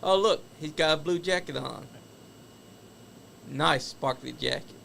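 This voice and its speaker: A man's voice: on the high side, measured pace, creaky, a bit bright, a little hiss or hum. A man hosting a casual wrestling talk show, commenting on old match footage in an opinionated, chatty way. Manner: chatty, opinionated, laughs at stories. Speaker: host.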